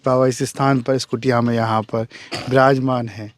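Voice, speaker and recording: A man's voice: medium pitch, flat delivery, moderate pace, dry recording. A man hosting a devotional vlog, asking questions and answering with brief respectful affirmations. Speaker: vlogger interviewer.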